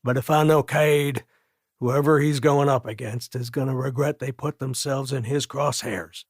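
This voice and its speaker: A man doing a grizzled older man with a calm, steady way of comforting someone. The voice sits mid-range and sounds close and dry, with no room around it. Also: medium pitch, moderate pace, no room sound, lightly acted. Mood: reassuring.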